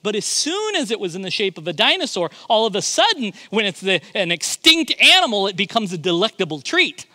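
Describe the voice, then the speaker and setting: A man's voice: high voice, big pitch swings, a little fast, few pauses, sharp tone, no room sound. A male pastor preaching a sermon, emphatic and often repeating his words as he begins a thought.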